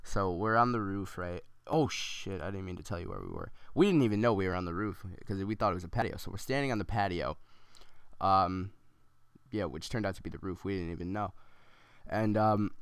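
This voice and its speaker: A man's voice: low-pitched, lively intonation, brisk, smooth, dry recording. A man rambling through a story as casual gameplay commentary, with many ums and restarts.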